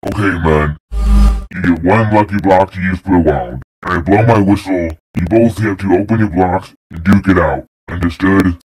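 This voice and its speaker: Deep-voiced man announcing as referee. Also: normal speed, a little mellow, husky, poor audio. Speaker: referee character. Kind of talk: amateur animation voice acting.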